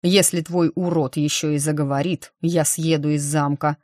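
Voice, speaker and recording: A woman's voice: low-pitched, fairly even intonation, moderate pace, darkish tone, no room sound, clean studio sound, close to an everyday voice. A woman voicing an arrogant, sullen young male mage who speaks curtly and with scorn. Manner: curt and scornful.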